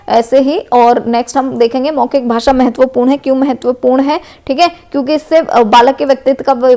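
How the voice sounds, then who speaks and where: Casting woman teacher, western UP Hindi accent, high voice, patient MCQ revision, tags lines with "है ना". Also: a little mellow. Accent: western Uttar Pradesh Hindi. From Uttar Pradesh, India. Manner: explanatory, repeats "है ना" and "correct है". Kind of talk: exam MCQ revision lesson.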